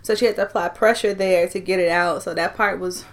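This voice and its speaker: A woman's voice: fairly low pitch, steady tone, a little fast. A woman in her twenties co-hosting a podcast, talking casually and informally with plenty of slang. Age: 20s. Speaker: podcast co-host. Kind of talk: casual chat.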